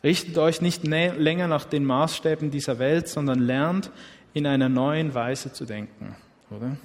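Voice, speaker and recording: A man's voice: fairly high pitch, moderate pace. A man preaching a sermon in a conversational way, often checking in with the listeners. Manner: conversational, often asks "oder?". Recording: long hall reverb.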